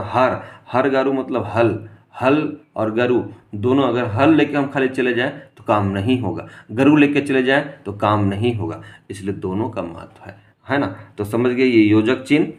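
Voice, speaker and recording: A man teaching an exam-prep grammar lesson. He keeps asking rhetorical questions, answers them himself and repeats the key terms. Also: mid-range voice.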